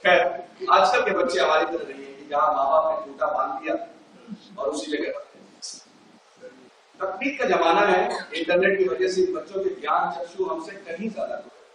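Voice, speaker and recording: A man with a fairly high voice reads, at a moderate pace, a nostalgic, joking letter to an old college friend as part of a stage play monologue. He's on an unamplified stage in a large auditorium, recorded from far off, so the hall echoes and background noise is audible.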